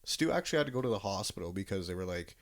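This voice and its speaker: A man with a somewhat low voice co-hosts a relaxed podcast, telling stories in a loose, rambling way. He swears casually and keeps restarting his sentences, talking over his co-host. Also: racing. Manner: rambling, swears freely, many restarts and fillers. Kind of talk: casual chat.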